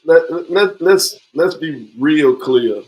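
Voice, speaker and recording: Animated joking man in his forties. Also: on the high side, slow pace, dull audio. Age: 40s. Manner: animated, joking, repeats himself. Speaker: podcast host. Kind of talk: casual podcast banter.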